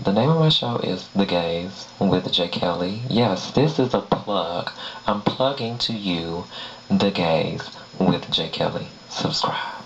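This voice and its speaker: A young man from Arkansas doing a crude, self-mocking stand-up set, rambling with fillers about his gravelly voice, on a small club stage. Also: sits low, a bit bright. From Arkansas, US South. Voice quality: gravelly voice he calls ugly. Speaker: stand-up comedian. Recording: dull lo-fi recording with faint hum.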